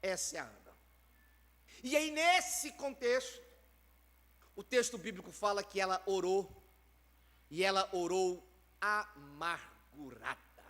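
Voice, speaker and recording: Brazilian man, preacher, emphatic sermon, very high pitch, long church hall reverb. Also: pushed and bright. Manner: emphatic, dramatic storytelling.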